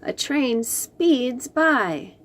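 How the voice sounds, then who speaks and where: Hosting a read-aloud for young children, a woman reads at an unhurried pace with lively pitch movement. She's expressive and encouraging, breaking from the narration for chatty, teacherly asides.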